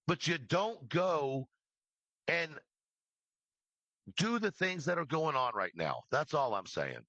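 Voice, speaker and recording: Speaking slowly but very animatedly, a man with a sharp, fairly high voice scolds an absent person in a passionate rant laced with free swearing and emphatic repetition. He is a true crime livestream creator. The audio is dull, with no echo.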